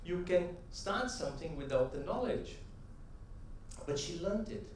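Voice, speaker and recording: A middle-aged man with a fairly high, animated voice speaks at a measured pace in a large convention hall. His anecdotal, conversational talk often tags "right?" and climbs to rhythmic, emphatic punchlines. Recorded by a distant mic, the sound is echoey with slight background noise.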